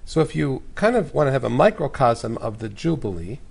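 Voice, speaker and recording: A man with a hoarse, raspy voice worn out from shouting, explaining things as a priest in a measured way on a discussion panel. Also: medium pitch, big pitch swings. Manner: measured, uses analogies and lists. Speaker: priest, guest commentator.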